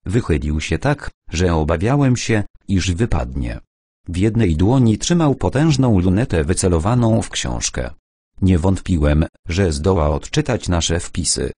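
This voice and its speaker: Low, husky male storyteller. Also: animated, measured pace, a little mellow, no echo, studio quality. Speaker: audiobook narrator. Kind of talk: audiobook narration.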